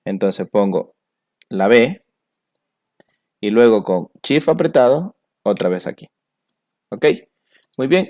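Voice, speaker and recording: A man's voice: medium pitch, a little mellow. A man teaching a computer class, explaining each step patiently. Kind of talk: screen-recorded software tutorial.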